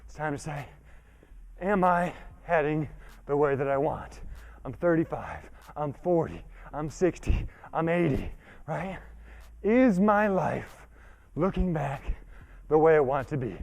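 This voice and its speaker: A fitness trainer leads a workout with a conversational, emphatic motivational talk, checking in often and growing winded from the effort. His voice is on the high side, a little mellow and creaky, with lively intonation, a measured pace and long pauses.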